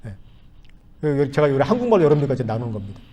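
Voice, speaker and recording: Pastor, man, 50s, sermon. Mellow, slightly high voice, storytelling with earnest appeals. Long church reverb. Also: big pitch swings, very fast, muffled recording. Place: church sanctuary.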